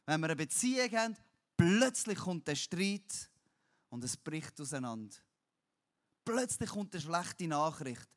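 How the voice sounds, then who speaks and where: Male preacher, high voice, slow delivery, dramatic swings from loud to hushed. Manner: dramatic, swings between loud emphatic cries and low, quiet passages; uses crude everyday words. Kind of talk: sermon.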